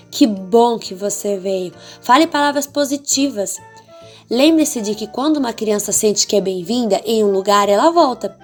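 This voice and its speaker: Expressive Brazilian woman teaching a course. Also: on the high side. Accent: Brazilian Portuguese. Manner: expressive, addresses the viewer directly with frequent "tá?" and "né?"; demonstrates varied, theatrical intonation. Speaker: children's ministry teacher. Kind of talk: online course lesson.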